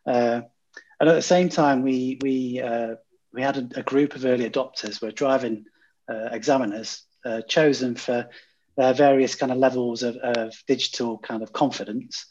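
A man's voice: mid-range voice, steady tone, normal speed, a little mellow, slight background noise. A man guest, a design consultant, telling a project story in a conversational way, with many "uh" fillers and restarts. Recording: dull lo-fi audio.

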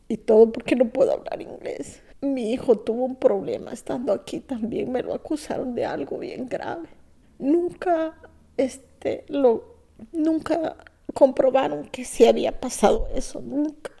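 A Salvadoran immigrant woman in her fifties who is learning English gives a soft, halting personal testimony, at times dropping to a whisper. Her voice sits on the high side with vocal fry and a breathy edge, and she has a Salvadoran Spanish accent.

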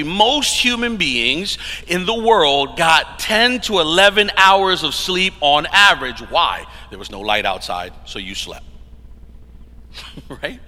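A man's voice: high voice, pushed and bright. A pastor preaching a sermon to his congregation in a church hall, earnest and emphatic, his voice often rising and dropping in volume. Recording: long hall reverb.

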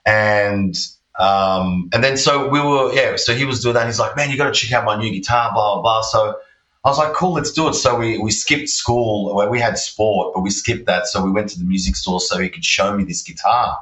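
A man's voice: fairly low pitch, normal speed, fairly bright tone. An Australian man, a guitarist and interview guest, telling stories in a rambling, laid-back way with lots of fillers. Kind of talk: casual storytelling interview. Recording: roomy, distant, dull-sounding audio.

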